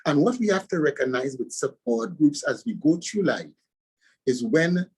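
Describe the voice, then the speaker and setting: A man's voice: fairly high pitch, animated, normal speed, darkish tone, slightly rough, rough recording. A man from Trinidad and Tobago with a Trinidadian accent, a pastor and author answering interview questions with earnest, preacherly emphasis.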